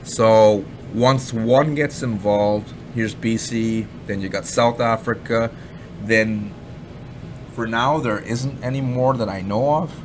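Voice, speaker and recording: A Canadian man talks casually and bluntly, looping back over his points and dropping the odd swear. His voice sits in the middle range. Steady background noise runs under his desk mic. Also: medium pitch, slow. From Ottawa, Canada. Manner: blunt, rambling, repeats himself, swears. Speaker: online marketing reviewer. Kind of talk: casual screen-share commentary.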